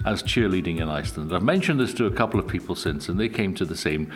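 Deep-voiced male radio host. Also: lively intonation, fast talker. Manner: curious, friendly questioning. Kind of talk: radio interview and narration.

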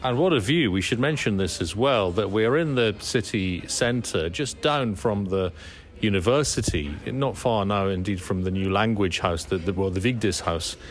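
A man with a fairly low voice hosts a walking-tour radio interview. He leads with brisk, chatty questions and remarks. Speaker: radio host.

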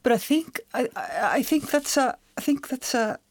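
Woman, halting thoughtful talk. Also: sits high, animated, dry recording. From Iceland. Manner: thoughtful, repeats words as she searches for them. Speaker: author and journalist guest. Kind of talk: conversational interview.

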